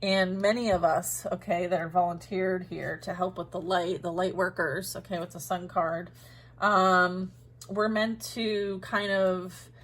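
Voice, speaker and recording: A woman giving a casual, rambling tarot reading directly to her listeners, talking with many fillers and often laughing at herself. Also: fairly low pitch. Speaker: tarot reader.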